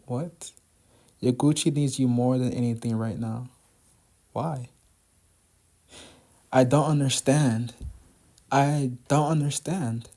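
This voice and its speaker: A man voicing a quiet, gentle teenage girl in a manga read-aloud, speaking softly and hushed. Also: medium pitch, steady tone, takes it slowly, pauses often.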